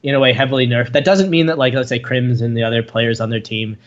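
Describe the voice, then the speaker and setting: A man's voice: mid-range voice, steady tone, fast talker. A young man co-hosting an esports fan podcast, rambling through casual chat with many "uh"s and restarts. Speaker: podcast co-host. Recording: dull lo-fi podcast audio.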